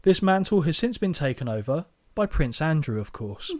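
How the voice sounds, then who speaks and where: A man co-hosting a casual podcast chat, his voice sitting a little high for a man. He talks in a sarcastic, joking way, drops swear words freely and keeps throwing in asides. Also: big pitch swings, moderate pace. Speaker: podcast co-host.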